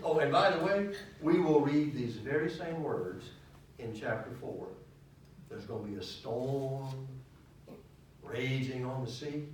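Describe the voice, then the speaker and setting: A man leading a church Bible study, animated and asking his listeners questions as he teaches. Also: medium pitch, takes it slowly, a little hiss or hum. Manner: animated, asks questions of the class. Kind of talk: teaching sermon. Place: church hall. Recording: echoey hall, mic at a distance.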